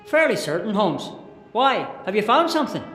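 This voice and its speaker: An actor playing a weary, gruffly sardonic Victorian police inspector, blunt and colloquial in film dialogue. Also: male voice, high voice, sing-song, normal speed, pushed and bright, exaggerated voice. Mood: businesslike. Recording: reverberant hall sound with faint music.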